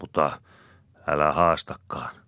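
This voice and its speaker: A man's voice: a bass voice, fairly even intonation, bright, forceful tone, no echo, studio quality, exaggerated voice. A man voicing a chatty middle-aged cottager father who talks in a rambling, boastful rustic way. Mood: defensive.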